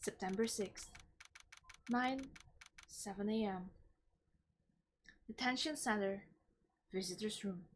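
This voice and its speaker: A woman streamer reading game text aloud in a measured, quiet narration. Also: mid-range voice.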